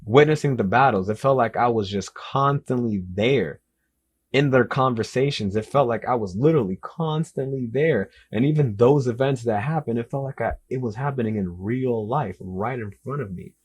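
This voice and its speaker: A man's voice: mid-range voice, normal speed, slightly rough. A young man, an author, answering interview questions in a casual, enthusiastic way and repeating himself often. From Dominican Republic and the US Northeast and South. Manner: enthusiastic, repetitive, lots of "literally" and "like".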